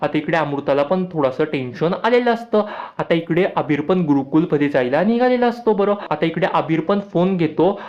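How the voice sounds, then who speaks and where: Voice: medium pitch, lively intonation, a little fast. A serial recap narrator retelling episode scenes in a repetitive storytelling manner. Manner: repetitive storytelling, frequent connecting phrases. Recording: dull lo-fi audio.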